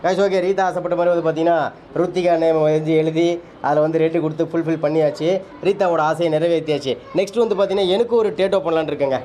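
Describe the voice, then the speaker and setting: A man with a Tamil Nadu accent chatting quickly in a family vlog at a salon, coaxing his small child. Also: fairly high pitch, fairly even intonation, warm tone. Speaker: family vlogger, father. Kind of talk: casual family vlog chat. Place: tattoo and beauty salon, indoors.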